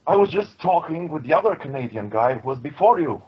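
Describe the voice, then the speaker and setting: A man doing a deadpan radio host with a thick put-on Transylvanian accent, trolling his guests in broken English. His voice is husky and swoops up and down in pitch. It comes through a dull, lo-fi laptop mic. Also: brisk. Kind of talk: prank call-in radio chat.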